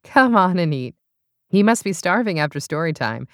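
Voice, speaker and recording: A relaxed young woman with a light, easy manner, voiced by a woman narrating. The voice stays lively in pitch yet grounded and low, recorded close and dry. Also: moderate pace, no echo. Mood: friendly.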